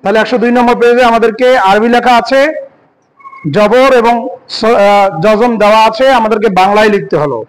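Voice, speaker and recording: A man's voice: high voice, fairly even intonation, brisk, clean tone, low-quality recording. A man teaching Quran reading step by step. He patiently spells out each syllable, repeats it, and asks and answers his own questions.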